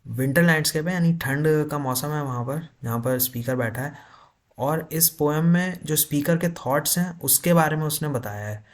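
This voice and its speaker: Guy teaching lit for an exam, explains in hindi, reads slow. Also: fairly high pitch. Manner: explains in Hindi with English terms, reads English notes slowly. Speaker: English literature teacher. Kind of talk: exam-prep lecture.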